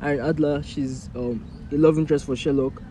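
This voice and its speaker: A man's voice: a little high, steady tone, brisk, dark tone, slight background noise, low-quality recording. A young man chatting casually as a podcast co-host, often stammering and repeating his words. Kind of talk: casual chat.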